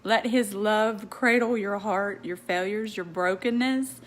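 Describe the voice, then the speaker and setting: A faith vlogger speaks casually and earnestly to viewers on a live stream, confiding her thoughts and reading a heartfelt prayer aloud. Her voice is medium-pitched and measured in pace, a casual devotional talk.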